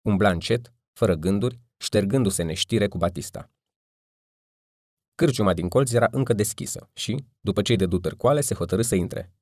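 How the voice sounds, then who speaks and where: A man narrating an audiobook in steady, even storytelling. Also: on the low side, no room sound, clean studio sound. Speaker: audiobook reader. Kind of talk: scripted narration.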